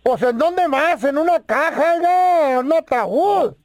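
A man's voice: very high-pitched, unhurried, no room sound. A man voicing a drunk man who wakes up buried alive in a coffin and begs over the phone to be let out, insistent and pleading. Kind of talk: prank phone call.

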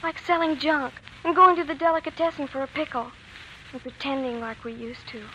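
In a 1940s radio drama, an actress plays an earnest young girl devoted to her father, sounding troubled and wistful. Her high-pitched voice stays steady and a little fast, close to everyday speech. The broadcast carries faint noise.

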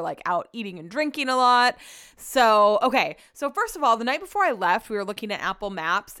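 A woman's voice: a little high, sharp tone, clear, resonant tone, dry recording, studio quality. A young American woman with a slight slushy lisp on her s sounds, chatting casually and slangily as she recounts stories on her own podcast. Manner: chatty, slangy, animatedly quotes herself and others. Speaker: podcast host.

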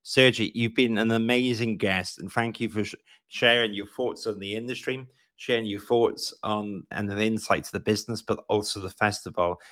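A man's voice: fairly low pitch, fairly even intonation, fairly bright tone, no echo. Upbeat Welsh man hosting, dry sound. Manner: upbeat, spells out web addresses slowly. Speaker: host. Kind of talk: live-stream interview chat.

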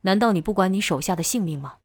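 A woman's voice: mid-range voice, expressive, fast talker, husky, no echo. Woman reading as a stern fighter man. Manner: stern, blunt commands. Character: tough martial-arts fighter man, commanding.

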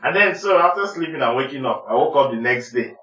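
Young man, casual storytelling, animated, roomy room, muffled sound. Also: medium pitch, quick pace. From Nigeria. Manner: animated, laughing, acts out quotes. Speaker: podcast guest. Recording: roomy, slightly dull podcast recording.

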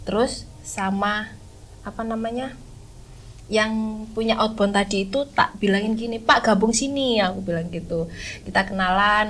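A woman, a podcast guest who recalls a camping trip in a casual, halting way, often stopping to search for words. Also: medium pitch, a little hiss or hum, rough recording. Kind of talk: casual spoken recollection.

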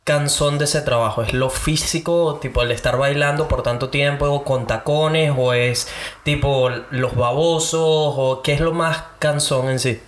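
A man's voice: medium pitch, steady tone, unhurried. A man co-hosting a podcast, asking questions in a slangy, laughing manner. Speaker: podcast co-host. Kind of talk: casual interview chat. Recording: echoey room, loud crowd behind.

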